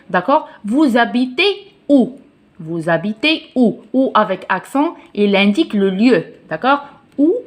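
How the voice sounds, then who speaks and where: A Moroccan woman, a native Arabic speaker with a Moroccan accent, teaches a French lesson at an unhurried pace. Her pitch sits in the middle range for a woman. She walks through each example slowly and repeats it, checking often that her students are following. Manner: patient, repeats examples and asks "d'accord?" often.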